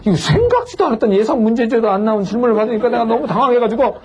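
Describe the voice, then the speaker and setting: A man preaching in Korean, telling a personal story with animated swings from hushed to crying out, acting out the voices he quotes. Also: extremely high pitch, racing, muffled recording. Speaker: pastor and lecturer. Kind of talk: sermon-style storytelling lecture.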